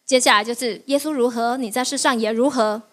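High-voiced woman pastor. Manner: lively, asks the audience quick questions and answers them; laughs often while teaching. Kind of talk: sermon.

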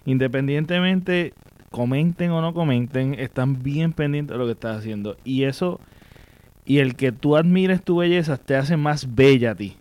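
A man's voice: medium pitch, moderate pace, darkish tone. A man hosting a casual podcast conversation, speaking earnestly and supportively as he searches for words.

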